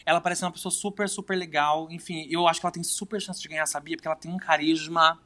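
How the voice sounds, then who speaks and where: A podcast guest chatting casually in an animated, campy way with exaggerated slang. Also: medium pitch, quick pace. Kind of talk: casual chat.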